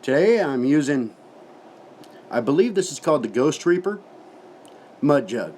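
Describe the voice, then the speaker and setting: A man's voice: a little high, very animated, unhurried, a little mellow, slight background noise. A man giving a casual, folksy product review to camera, talking with his lip packed full of dip and swearing now and then.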